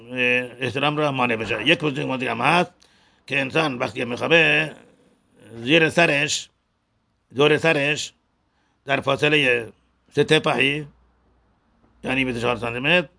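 A man teaching the correct pronunciation of a Hebrew prayer, talking haltingly and repeating words to model each sound. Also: mid-range voice, gravelly, pushed and bright. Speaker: religious teacher.

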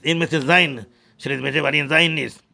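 A man teaching the correct pronunciation of a Hebrew prayer, talking haltingly and repeating words to model each sound. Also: on the high side, steady tone, gravelly, sharp tone. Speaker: religious teacher.

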